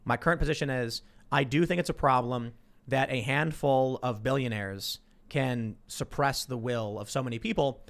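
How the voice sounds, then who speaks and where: A man hosting a live talk show, briskly reading viewer messages aloud and responding. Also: medium pitch, creaky, a bit bright. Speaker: host.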